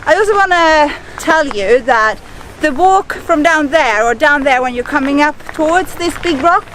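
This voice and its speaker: A woman's voice: high voice, expressive, moderate pace, a bit bright, a little hiss or hum, rough recording. A woman hosting a travel vlog, chatting casually and directly to her viewers. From Europe. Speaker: travel vlogger.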